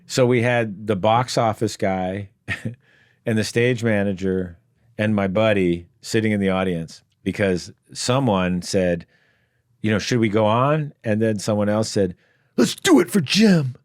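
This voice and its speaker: Podcast guest: man, lowish voice, dry close sound, rambling storyteller. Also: fairly even intonation, a little slow, no room sound. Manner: rambling anecdotes with fillers and laughs. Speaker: guest comedian. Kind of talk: casual storytelling. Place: podcast studio.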